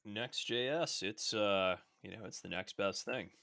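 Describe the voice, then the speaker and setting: A man's voice: on the low side, a little slow, creaky, bright, forceful tone, dry recording. A man co-hosting a casual tech podcast, talking loosely with lots of fillers and asking his co-host to explain. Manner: casual, filler-heavy, questioning.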